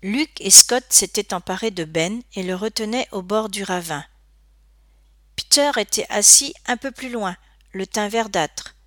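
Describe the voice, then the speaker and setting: A woman narrating a story aloud in an expressive, scripted reading. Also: mid-range voice, unhurried, no room sound, clean studio sound. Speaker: audiobook narrator.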